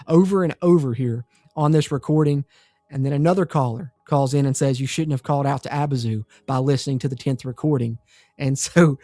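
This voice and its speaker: A man's voice: a little high, warm tone, no room sound. A man giving a casual, rambling spoiler review of a horror movie, full of fillers and enthusiasm.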